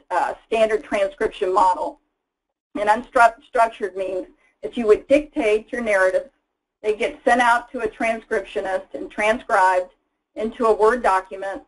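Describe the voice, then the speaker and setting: A woman presents a product in a casual slide webinar, explaining things with frequent fillers. She records voice-over for the slides in a mid-range voice, and the recording is rough.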